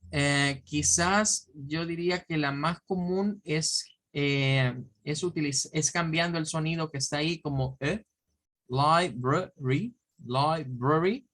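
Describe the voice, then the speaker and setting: A man's voice: fairly high pitch, fairly bright tone. A man teaching an online pronunciation lesson, patiently explaining step by step, repeating example words and often checking in with his listeners. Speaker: English teacher.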